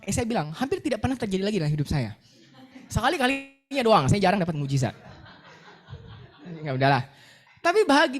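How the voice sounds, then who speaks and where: Lively woman preaching a personal testimony. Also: fairly high pitch. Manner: lively storytelling, acts out her own words and prayers. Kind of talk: sermon testimony.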